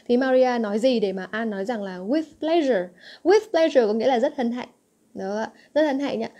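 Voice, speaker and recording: A young woman teacher explains exam answers, stopping often to check that her students follow. Her voice sits somewhat high but has a warm, mellow tone. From Vietnam. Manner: coaxing, asks frequent check questions to students. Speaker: English teacher.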